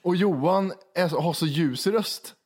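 A man's voice: on the high side, darkish tone. A man in his thirties with a Värmland accent, co-hosting a podcast in casual, self-mocking chat with easy swearing. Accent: Värmland Swedish. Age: 30s. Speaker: podcast co-host.

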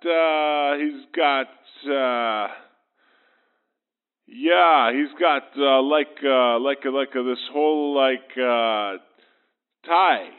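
A man rambles through a voicemail over a landline phone, stalling on every other word. He talks slowly, and the tinny phone line squeezes his voice thin. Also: medium pitch, smooth. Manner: rambling, halting, full of fillers. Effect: heard over a landline phone. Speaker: phone-in caller. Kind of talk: voicemail message to a radio show.

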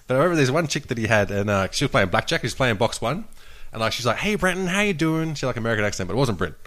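A man's voice: fairly low pitch, animated, very fast, a bit bright. A man co-hosting a casual chat, telling stories with lots of laughter and swearing. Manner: laughing storyteller, swears freely.

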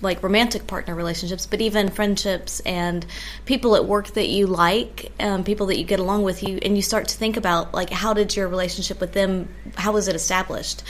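A woman speaks at a medium pitch in casual conversation. She comes across as an agreeable podcast co-host, talking informally and backing up what is being discussed. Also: steady tone, fairly quick. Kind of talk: casual chat.

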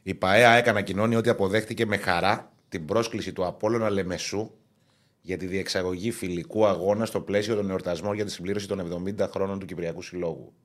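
Male co-host in his thirties, low voice, chatty sports banter. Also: steady tone. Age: 30s. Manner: reads out club news, then banters. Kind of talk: casual sports chat.

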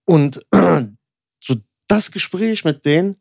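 A man's voice: high voice, animated, slow, vocal fry, a little mellow, no echo, studio quality. A young man rambling through a story in casual podcast chat, packed with filler words, acting out both sides of the dialogue. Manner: rambling, lots of filler tags like "so" and "ne"; acts out dialogue in quotes. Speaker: podcast co-host.

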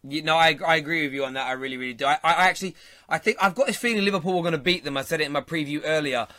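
A man's voice: on the high side, racing, sharp tone. A man hosting a football phone-in, chatting casually and teasing callers. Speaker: radio phone-in host.

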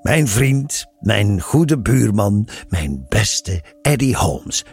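A man's voice: lowish voice, big pitch swings, drawn-out words, creaky, a little mellow, slightly rough, faint music behind, heavily acted. A man playing a self-satisfied, arrogant lanky man who talks boastfully. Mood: smug. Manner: boastful, triumphant quips.

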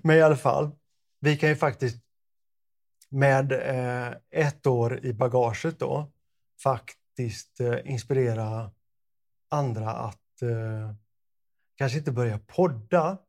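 A man with a gravelly, creaky voice co-hosts a podcast in casual chat. He banters playfully with his partner and keeps his voice at a medium pitch. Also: pauses often. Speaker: podcast co-host.

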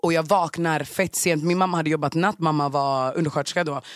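A young adult man telling a story in casual, animated chat and laughing often. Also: a little high, dry recording, clean studio sound.

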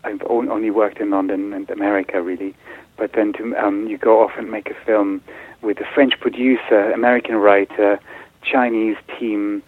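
Hesitant film director on a tinny line. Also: male voice, lowish voice, little pitch movement, moderate pace, dry recording. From Germany. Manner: hesitant, many fillers and restarts. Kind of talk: interview answers.

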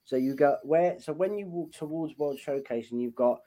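A man's voice: a little high, normal speed, mellow, rough recording. A man co-hosting a travel podcast, chatting casually and rambling with lots of ums. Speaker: podcast co-host. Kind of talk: casual chat.

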